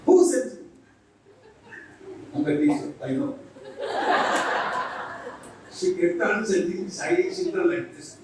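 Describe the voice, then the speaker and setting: Man, monk lecturer, humorous, slow-paced, distant mic, faint room noise. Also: sits high, huge pitch swings. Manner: jokes and acts out little dialogues, switching between English and Tamil. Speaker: monk giving a talk to teachers. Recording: echoey hall from far off.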